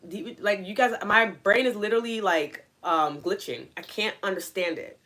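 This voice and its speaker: A young adult woman hosting a spiritual coaching livestream, talking casually and earnestly, answering her chat and asking questions out loud. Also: mid-range voice, normal speed. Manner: earnest, questioning, animated asides.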